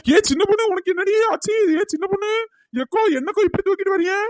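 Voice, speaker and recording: A feisty old village woman. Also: quick pace. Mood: panicked. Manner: wailing, scolding, dramatic. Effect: pitch-raised cartoon voice.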